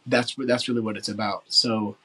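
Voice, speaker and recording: An earnest man in his late teens from West Virginia, answering an interview with a somewhat low voice. He rambles a little and leans on filler words as he talks. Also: little pitch movement, fairly quick, pushed and bright, husky, low-quality recording. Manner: earnest, rambling, full of "you know" fillers. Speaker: football recruit interviewee.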